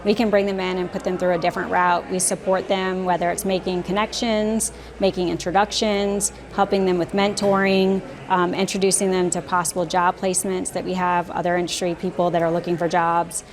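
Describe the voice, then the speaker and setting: A woman leading a startup program, giving interview answers in a steady way with frequent ums. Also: fairly low pitch, fairly quick, few pauses. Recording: crowd chatter behind. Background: crowd.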